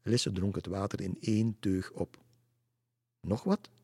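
A man calmly reading a children's story aloud. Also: sits low, normal speed, husky, dry recording, studio quality.

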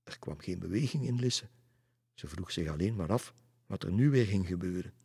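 A man reading a storybook aloud in a calm, even manner. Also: sits low, moderate pace, vocal fry, slightly rough. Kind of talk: storybook narration.

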